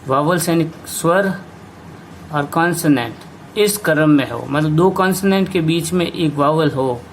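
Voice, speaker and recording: A man teaching an English grammar lesson, slowly explaining rules and spelling out words letter by letter. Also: fairly high pitch, slight background noise.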